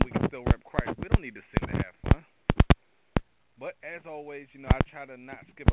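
A tired male host with a raspy voice, giving a rambling devotional talk with many restarts. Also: mid-range voice, a little hiss or hum. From Pittsburgh area. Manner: rambling, restarts often, preachy asides. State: tired from lack of sleep. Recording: tinny phone-line sound.

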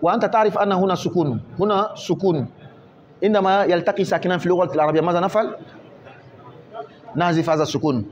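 A man with a high voice gives a grammar lesson, working patiently through example after example and checking for understanding as he goes. The recording sounds slightly dull and lo-fi. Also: quick pace, long pauses, slight background noise. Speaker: Arabic grammar teacher.

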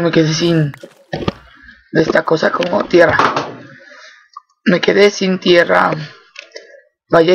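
Hoarse man, gaming creator, chatty play-by-play of his own moves, slightly high-pitched, faint background hiss. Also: low-quality recording. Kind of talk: casual gameplay commentary.

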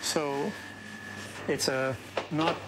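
Chatty fifty-something baker, outdoors, a little higher voice, noisy surroundings. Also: male voice, fairly even intonation, drawn-out words. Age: 50s. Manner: chatty, repeats himself. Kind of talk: casual chat on a walk. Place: outdoors at an old harbour.

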